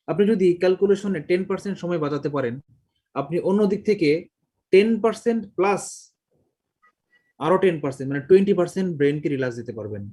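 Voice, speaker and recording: A middle-aged man lectures a class on mental math. His voice sits slightly high, and he keeps throwing questions at his students while slipping English words and numbers into his speech. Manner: lively, asks the class questions. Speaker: math teacher.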